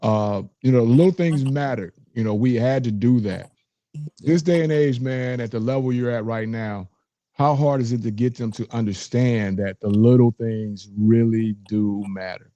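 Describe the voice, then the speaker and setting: A man's voice: mid-range voice, normal speed, dark tone, no echo. A man hosting a casual, conversational interview. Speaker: interview show host.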